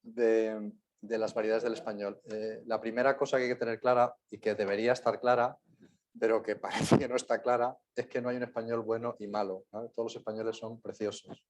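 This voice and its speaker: Fast-talking low-voiced man from Spain. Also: little pitch movement, a little mellow, a little hiss or hum. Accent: Spain Spanish. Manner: discursive, with frequent tag questions. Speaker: guest lecturer. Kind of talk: lecture Q&A answer. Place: university lecture room.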